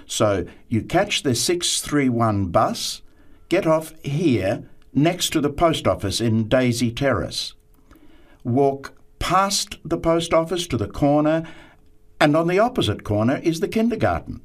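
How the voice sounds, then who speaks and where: Actor as slow-paced, helpful explaining man. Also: fairly high pitch, big pitch swings. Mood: helpful, reassuring. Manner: reassuring, step-by-step explaining. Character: helpful man calmly giving street directions. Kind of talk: scripted dialogue for a listening test.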